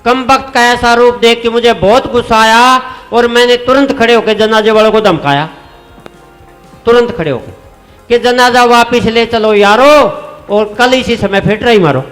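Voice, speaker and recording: A man's voice: very high-pitched, moderate pace, fairly bright tone. A man reciting comic verse on stage at a poetry gathering, addressing the audience with rhyming punchlines. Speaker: stage comedy poet. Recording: long hall reverb, faint music.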